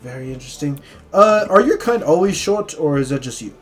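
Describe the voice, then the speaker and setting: A man's voice: a little high, animated, brisk, close to an everyday voice. Man playing a rambling, boastful traveling storyteller. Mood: excited, boastful. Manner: rambling, hesitant, insistent.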